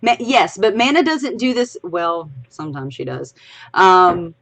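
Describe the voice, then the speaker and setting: Gravelly yet a bit bright, this lowish female voice moves a little slowly. She's a Louisiana podcast co-host with a Southern accent, a bit tipsy on a casual livestream, rambling chattily and giggling in asides.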